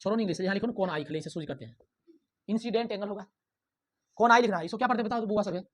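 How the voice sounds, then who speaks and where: A male teacher, teaching a physics lesson in a classroom. He talks loudly and quizzes the class, then answers his own questions. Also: sits high, very fast, slight background noise. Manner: loud, drilling, asks the class questions and answers himself. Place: classroom with students.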